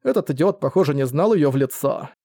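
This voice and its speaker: Male narrator, measured storyteller, warm mellow timbre. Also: a little high, animated, no echo, studio quality. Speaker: audiobook narrator. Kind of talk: scripted narration.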